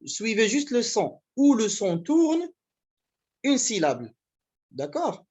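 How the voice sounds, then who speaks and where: A Moroccan man teaches a French class over a video call, explaining step by step and drawing out each example word. His voice sits high and has a husky, breathy edge. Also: sing-song, darkish tone. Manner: explains slowly, stretching example words, switching into Moroccan Arabic. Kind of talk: online class lecture.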